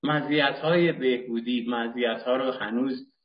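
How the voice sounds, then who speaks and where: A man's voice: medium pitch, fairly even intonation. Impassioned man, far off in a roomy space. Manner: rhetorical, self-questioning, rising to emotional peaks. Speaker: recovery meeting member sharing. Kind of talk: impassioned personal sharing. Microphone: online call. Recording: distant, roomy, dull online call audio.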